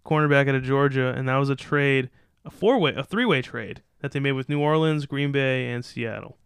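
This sports podcast co-host reads draft selections and then offers casual, strongly opinionated takes. His medium-pitched voice is smooth and fairly bright, a little fast, captured in clean studio sound with no echo.

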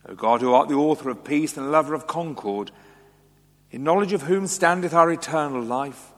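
A man leading formal Anglican prayers in a solemn, measured way, with a cathedral echo around his voice. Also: on the high side. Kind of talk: liturgical prayer recitation. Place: large reverberant church. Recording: cathedral echo, long reverb.

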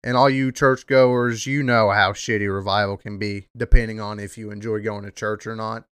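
A man's voice: fairly low pitch, little pitch movement, normal speed, a bit bright, smooth, dry recording, clean studio sound. A young man hosting a podcast, talking casually in a rambling, profane way with lots of "um" fillers. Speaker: podcast host. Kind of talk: casual monologue.

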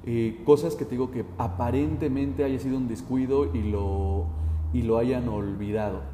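Man instructing, warm voice, echoey room. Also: mid-range voice, steady tone, moderate pace, slight background noise. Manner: direct and instructive, with frequent 'eh' fillers. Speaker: safety instructor. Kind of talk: instructional talk addressed to the listener. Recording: roomy with long reverb.

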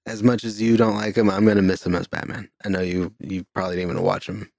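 A man co-hosting a podcast while a little high, talking in a laid-back, drifting way and swearing casually, recorded inside a small closet. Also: flat delivery, fast, vocal fry, darkish tone, no room sound, studio quality. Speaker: podcast co-host. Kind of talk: casual chat.

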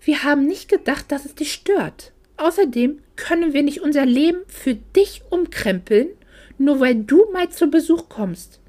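A chilly, dismissive mother who speaks in curt, condescending tones, as a woman reads her part. The voice sits fairly high and stays controlled. It comes from a storybook reading. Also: lively intonation, a little slow, a little mellow. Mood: cool, reproachful. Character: cold, dismissive middle-aged mother.

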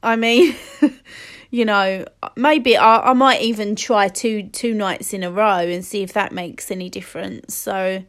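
A woman's voice: medium pitch, unhurried, fairly bright tone. A woman, chatting casually and rambling with many fillers while sniffly from a cold. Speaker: podcast host. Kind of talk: casual solo chat.

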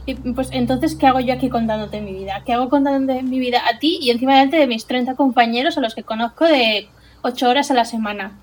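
A woman's voice: high-pitched, quick pace. A young woman, co-hosting a podcast and telling a story with lots of animation and laughter. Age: young adult. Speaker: podcast co-host. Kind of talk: casual chat.

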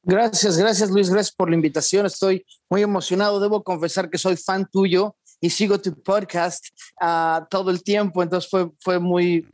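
A man, a guest in an interview, speaking in a reflective, measured way with some restarts. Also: high-pitched, steady tone, no room sound, studio quality. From born in Argentina, raised in Mexico. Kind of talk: conversational interview.

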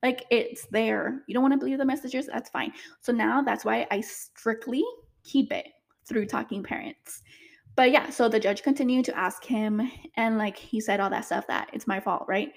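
A woman's voice: on the high side, fairly even intonation, normal speed, creaky. A young woman, a single mother, chatting emotionally to camera in a casual vlog, full of fillers.

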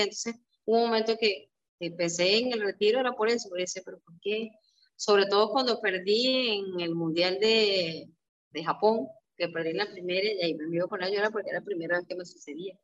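Venezuelan woman recalling her sports career. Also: mid-range voice. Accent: Venezuelan Spanish. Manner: emotional, reenacts her own thoughts aloud, frequent restarts. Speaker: retired karate champion, guest. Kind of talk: reflective personal storytelling. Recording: dull, lo-fi sound.

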